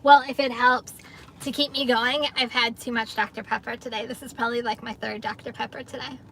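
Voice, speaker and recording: A woman's voice: on the high side, steady tone, a little fast, creaky, fairly bright tone, a little hiss or hum. Chatty woman livestreaming from her car. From New York area, US. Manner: chatty, upbeat, laughs often. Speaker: livestream host, gig delivery driver. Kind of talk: casual livestream chat reading viewer comments.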